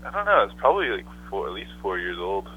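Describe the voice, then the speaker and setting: A low-pitched man speaks over a muffled phone line. He chats in a relaxed, loose way as a guest, with plenty of fillers, and a faint hiss runs underneath. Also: fast. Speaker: songwriter guest. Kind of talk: casual phone interview.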